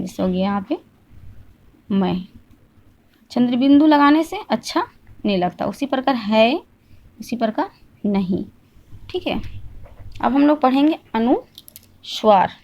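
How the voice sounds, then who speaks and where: A fairly high-voiced woman teaches a grammar lesson step by step. She keeps asking questions and answering them herself, and she repeats each point slowly so it sinks in. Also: darkish tone.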